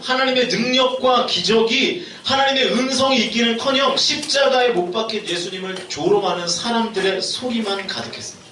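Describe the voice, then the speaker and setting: A man's voice: extremely high pitch, pushed and bright, a little hiss or hum. A young man preaching a sermon as a youth pastor, putting questions to the congregation. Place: church sanctuary. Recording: echoey hall, mic heard from a distance.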